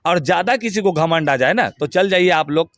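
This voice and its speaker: A man's voice: on the high side, lively intonation, a little fast, fairly bright tone, no echo, clean studio sound. Heated, foul-mouthed man. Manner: abusive, emphatic, heated. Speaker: interview guest. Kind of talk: heated, crude complaint.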